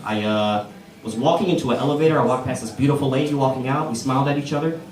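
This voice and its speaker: At an open mic on a comedy club stage, an American stand-up comedian tells relaxed stories and plays to the crowd. His voice is medium in pitch and a little mellow, delivered at a quick pace with slight background noise. The roomy recording, made from a distance, carries the audience's laughter.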